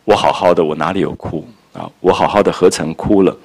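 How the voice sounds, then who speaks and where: A man voicing a sharp-tongued, jealous teenage girl, reading her quoted lines quietly and low. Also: animated, brisk, husky, exaggerated voice. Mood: soft.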